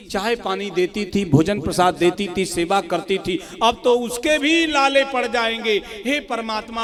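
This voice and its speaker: High-voiced Indian preacher telling a story. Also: male voice. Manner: storytelling with acted dialogue, breaking into sung verses. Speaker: Ram Katha preacher. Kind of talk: devotional storytelling sermon.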